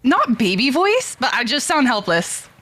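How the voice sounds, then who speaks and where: Woman, high voice, playful, giggly, casual chat. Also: big pitch swings, a little slow, pushed and bright, dry recording.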